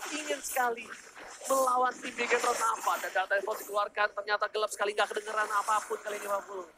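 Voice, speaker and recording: Rapid-fire Indonesian esports announcer, dramatic play-by-play. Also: medium pitch, fairly even intonation, noisy background. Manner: dramatic, hype-building calls with English catchphrases. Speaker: esports commentator. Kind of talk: excited fighting game announcer style play-by-play of a live match.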